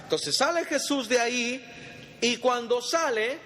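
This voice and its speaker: Male Bible study teacher, high voice, chatty, quizzes his listeners; long reverb and faint background noise. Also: unhurried, pushed and bright. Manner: quizzes the group and calls them brother.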